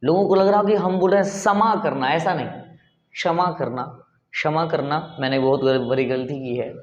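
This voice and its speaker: A man teaching pronunciation, repeating each word slowly to drill the sounds. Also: fairly high pitch. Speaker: English teacher. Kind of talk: pronunciation lesson. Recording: echoey room, dull lo-fi sound.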